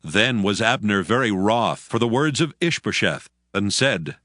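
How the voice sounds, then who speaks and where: A man narrating dramatized scripture from a script in a measured, formal manner. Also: on the low side, animated, a bit bright, no room sound, studio quality.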